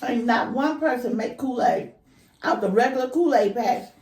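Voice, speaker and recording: A middle-aged woman chatting casually as a vlog co-host, eating as she talks, with pauses and murmurs. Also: on the high side, darkish tone. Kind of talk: casual chat while eating. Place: indoor room at a table. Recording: roomy echo, distant mic.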